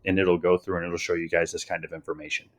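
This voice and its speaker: A man's voice: low voice, little pitch movement, quick pace. A young man teaching students in a recorded online lesson, rambling with many fillers and a bit out of breath. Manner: rambling, many "um"s and "you guys". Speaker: high school teacher.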